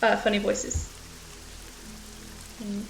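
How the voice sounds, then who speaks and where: A game streamer from the UK who was raised partly in Australia chats casually with her viewers while playing, nervous, rambling, and self-conscious. Her mid-range voice is slow and monotone with vocal fry. The poor, roomy audio carries faint music in the background.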